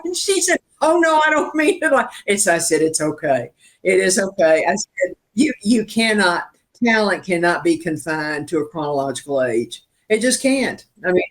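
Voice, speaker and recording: An older songwriter from Richmond, Virginia, telling his story as a guest in an interview, acting out quoted dialogue and laughing at his own jokes. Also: high-pitched. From Richmond, Virginia, USA.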